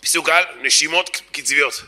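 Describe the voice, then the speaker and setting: A man delivering a comedic speech to an audience, animated and mocking, full of rhetorical questions. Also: a little high.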